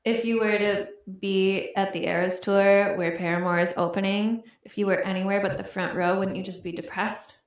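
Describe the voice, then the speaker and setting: A woman's voice: mid-range voice, fairly even intonation, moderate pace, hardly any pauses. A woman co-hosting a podcast, chatting casually and rambling with lots of "um" and "like". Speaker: podcast co-host. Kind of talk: casual chat. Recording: echoey room.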